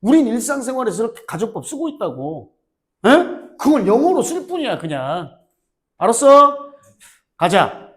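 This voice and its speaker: A middle-aged man teaching English grammar to a high school class, joking and teasing students by name as he lectures. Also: moderate pace. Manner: teasing, animated, banters with students.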